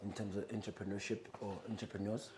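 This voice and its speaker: A South African man hosting a casual business interview. He chips in with quick asides in a mix of English, Zulu and Xhosa. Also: fairly low pitch, little pitch movement, mellow. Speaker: podcast host.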